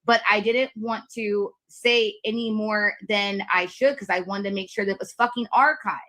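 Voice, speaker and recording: A woman's voice: mid-range voice, fairly even intonation, moderate pace, fairly bright tone. A woman arguing casually and defensively in an online group chat, insistent and prone to swearing.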